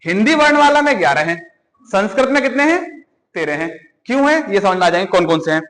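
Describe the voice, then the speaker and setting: A man's voice: sits high, big pitch swings, fast, fairly bright tone, in a large hall, low-quality recording. A man teaching an exam-prep grammar lesson, asking questions and answering them himself, repeating key points.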